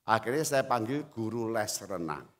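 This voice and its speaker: A man preaching a sermon as a retired pastor. His carries a tinge, and he swings between loud exhortation and low, quiet storytelling. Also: animated, normal speed. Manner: acts out voices in anecdotes. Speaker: pastor emeritus. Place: church hall. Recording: reverberant church hall.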